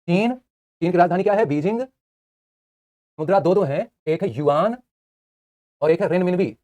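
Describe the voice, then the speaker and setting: A man's voice: on the high side, a little mellow, lo-fi sound. A young man teaching a live online class, chatty, joking between facts and repeating answers for students.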